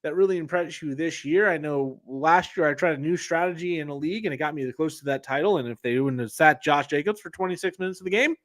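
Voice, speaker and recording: A man co-hosting a casual sports podcast, animated and ranting, with loud outbursts. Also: on the high side, fast talker, few pauses, dry recording. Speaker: podcast co-host.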